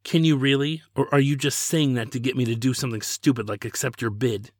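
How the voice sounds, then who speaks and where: A man's voice: medium pitch, a little fast, no room sound, clean studio sound, natural voice. A man voicing a proud young woman who coolly turns down a suitor, curt and disdainful.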